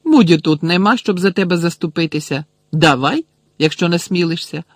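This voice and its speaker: A man's voice: fairly high pitch, normal speed, no room sound, pitched above the performer's own voice. A spiteful schoolboy sneers and mocks in a raised, taunting voice that climbs well above a man's normal reading tone, put on by a man reading a storybook. The recording is close and dry, with no room sound. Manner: mocking, taunting, loud and jeering.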